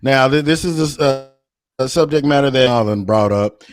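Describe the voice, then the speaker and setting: A man's voice: mid-range voice, moderate pace. A man with an American accent hosting a casual discussion, rambling and repeating phrases as he frames questions. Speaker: podcast host.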